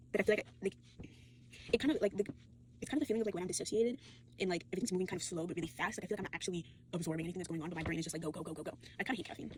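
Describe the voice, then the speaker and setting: Fatigued and aching, a teenage girl in her late teens vlogs to her phone in a loose, rambling way, full of filler words, false starts and curses. Her voice sits at medium pitch against background noise.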